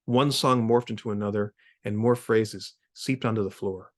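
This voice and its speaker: Speaking at normal speed in a lowish, steady voice, an author introduces his short story informally, then gives a literary reading of it. The setting is a remote video reading series.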